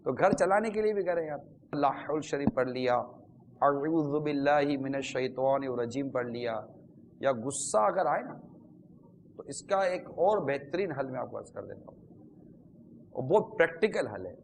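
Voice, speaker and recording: A man's voice: medium pitch, animated, gravelly, slight background noise. A man giving a religious talk on marriage to viewers, earnest and advising, with pious formulas and quoted asides.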